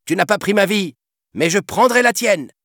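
Man doing a shrill, defiant boy hero. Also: expressive, normal speed, sharp tone, no room sound, studio quality, exaggerated voice. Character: brave, cocky boy hero. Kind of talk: storybook reading.

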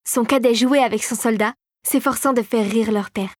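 A woman narrating a storybook in a calm, measured reading voice. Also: on the high side, no echo, studio quality.

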